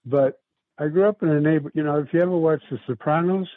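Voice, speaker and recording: This man, an interview guest from South Brooklyn, New York, recounts his life casually in a rambling, halting way full of restarts and fillers. His voice sits a little high, and the dry, tinny phone-like recording has no echo.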